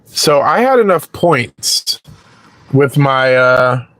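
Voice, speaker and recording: A man's voice: medium pitch, expressive, slow pace, a bit bright, no echo. A man chatting casually with his live-stream viewers while waiting for rides in his parked car, rambling and swearing freely.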